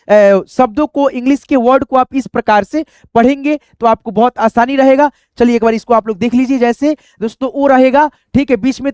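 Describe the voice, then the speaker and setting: A man's voice: very high-pitched, a little mellow, clear, resonant tone, no echo, studio quality. A man teaching English pronunciation in a patient, repetitive way, spelling words out letter by letter and often addressing his listeners as friends. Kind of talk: spoken lesson.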